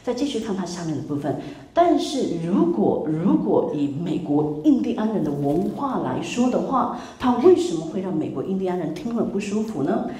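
A woman's voice: on the low side, sing-song, moderate pace, mellow. A woman from Taiwan, a university lecturer who teaches a class. She tells anecdotes, asks the students questions and mixes in English words. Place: lecture hall. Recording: echoey lecture room with faint noise.

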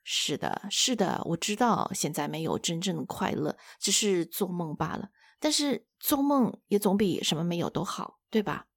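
A woman voicing a clinging lizard in a storybook retelling, coaxing and pleading in a much lower voice than her own. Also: big pitch swings, moderate pace, gravelly, few pauses, husky, no echo, exaggerated voice. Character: wheedling lizard clinging to its host.

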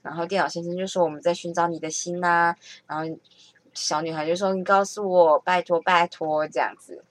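A woman's voice: lowish voice, steady tone, fairly quick, no room sound. A woman chatting casually as she thinks aloud, often correcting herself and laughing at her own mistakes. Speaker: vlogger learning French.

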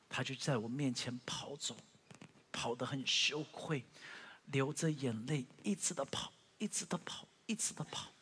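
Pastor guy preaching, bright sharp voice, lots of stammery restarts, loud then quiet, big echoey hall. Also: mid-range voice, husky. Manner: emotional storytelling, swinging from loud to hushed. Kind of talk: sermon.

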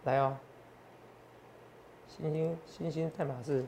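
A man's voice: fairly high pitch, fairly even intonation, takes it slowly, creaky, a little mellow, a little hiss or hum. A man, working as a stock market analyst and giving boastful finance talk show commentary full of rhetorical questions.

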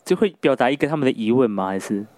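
A man's voice: medium pitch, lively intonation, rapid-fire, a little mellow, no room sound. A man with a Taiwanese accent hosting a casual podcast interview in a playful, bantering way. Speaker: podcast host, radio broadcaster.

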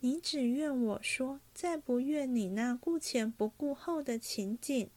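A sensible young lady talks in a calm, coaxing, reasoning way. A woman reading the story aloud plays her. The voice is fairly high for a woman. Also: measured pace.

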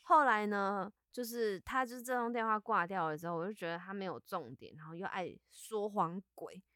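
A woman co-hosting a podcast, telling a story in an animated way and laughing often. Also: mid-range voice, a little fast, no echo, studio quality. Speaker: podcast co-host. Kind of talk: casual chat, storytelling. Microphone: studio microphone.

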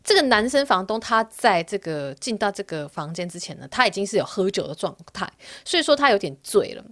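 A woman's voice: mid-range voice, fairly quick. A young woman who works as a rental agent, casually telling her viewers a story and getting worked up as she retells it. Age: young adult. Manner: animated, gets worked up while retelling.

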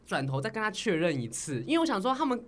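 A woman's voice: medium pitch, fast. A woman telling stories in a casual chat, acting out the people she quotes. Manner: animated storytelling, acts out quoted people.

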